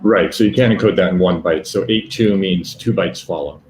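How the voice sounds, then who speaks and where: A man gives a live technical demo in a very deep voice. He stops often, filling gaps and correcting himself as he walks through the steps. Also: a little mellow, a little hiss or hum, poor audio. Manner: halting, many fillers and self-corrections. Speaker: presenter.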